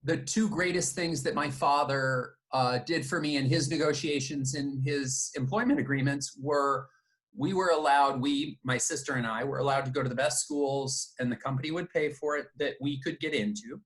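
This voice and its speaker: A middle-aged man, born in the United States and raised in Japan, telling his life story in a reflective, measured way as an interview guest. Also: mid-range voice, steady tone, fairly bright tone. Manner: reflective, measured, with fillers and restarts. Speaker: guest, company founder and CEO.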